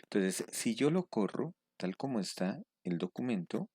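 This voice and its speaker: A man teaching step by step in a screen-recorded tutorial. He pauses often to check in with his students. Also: on the low side, very animated, warm tone, breathy edge, dry recording, studio quality. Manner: patient step-by-step explaining, checking in with a questioning "mm". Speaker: instructor.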